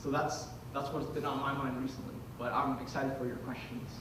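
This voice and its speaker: A man speaking as a panel speaker at a symposium, explaining in a thoughtful, measured way. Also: mid-range voice, flat delivery, heavy background noise. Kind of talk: symposium talk. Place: lecture hall. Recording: echoey hall, distant mic.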